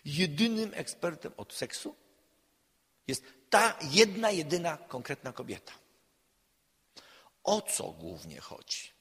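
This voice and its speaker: A man, a counselor, giving a public lecture in an emphatic way, swinging between loud and quiet. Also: fairly high pitch, very animated, takes it slowly, pauses often, breathy edge. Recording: long hall reverb.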